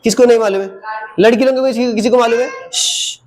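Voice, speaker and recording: A man's voice: very high voice, fairly even intonation, fast, darkish tone. A man teaching a class of children in a classroom, coaxing and asking them the same question again and again. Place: classroom with a projector.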